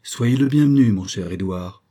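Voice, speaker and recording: A man's voice: on the low side, normal speed, dark tone, natural voice. A man reading the part of a talkative, pompous older man in an audiobook, with emphatic, declamatory lines. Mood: indignant.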